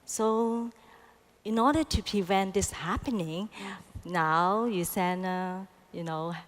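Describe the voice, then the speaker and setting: A woman team leader giving a measured panel answer, often pausing with "you know". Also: mid-range voice, big-room sound.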